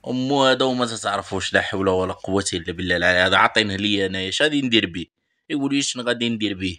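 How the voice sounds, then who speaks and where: A man with a Moroccan Arabic accent hosting a mobile football game channel, giving live pack-opening commentary. He talks chattily to viewers as brothers, sighing with pious exclamations between bursts of excitement. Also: fairly low pitch.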